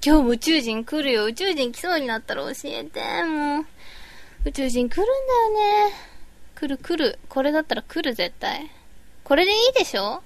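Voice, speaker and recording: A woman chats through a live stream, fiddling with her audio settings and answering chat comments as she goes. Her voice sits high and swings widely in pitch. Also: expressive, normal speed, dry recording. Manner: chatty, fussing over audio setup, reading chat comments. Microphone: boom mic.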